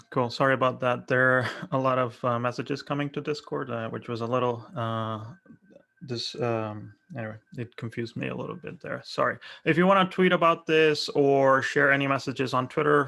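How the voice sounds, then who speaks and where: A man from Argentina presenting a software workshop over a video call, friendly and relaxed with frequent fillers. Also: mid-range voice, normal speed, vocal fry. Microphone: webcam video call.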